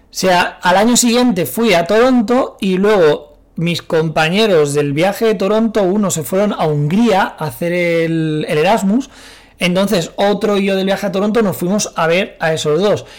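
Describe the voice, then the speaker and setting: A young man with a Spain Spanish accent, talking in a relaxed, chatty way as a guest. He tells his stories with energy, slipping into other people's voices as he quotes them and dropping casual swear words along the way. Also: high-pitched, moderate pace. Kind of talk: casual storytelling chat.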